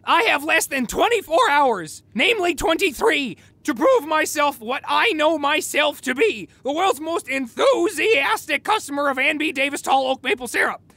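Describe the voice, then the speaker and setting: A shrill bratty young man. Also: very animated, moderate pace, few pauses, heavily acted. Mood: frantic. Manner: loud, whiny and boastful, yelling. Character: bratty syrup-obsessed young man Nathan. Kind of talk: comedy radio play acting.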